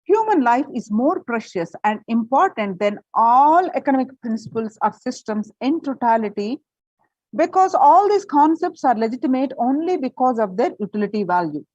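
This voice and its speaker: A woman's voice: high-pitched, sing-song, moderate pace, a little mellow, dry recording, highs cut off. A woman presenting and reading a prepared article aloud, with the odd filler and restart.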